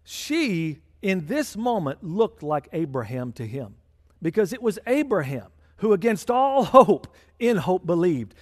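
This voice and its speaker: A male pastor delivering a fervent sermon in a fairly high voice. He preaches emphatically, and his intensity swells as he presses each point. The sound rings with the long reverb of a large hall. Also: big pitch swings, a little slow. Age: adult with a child.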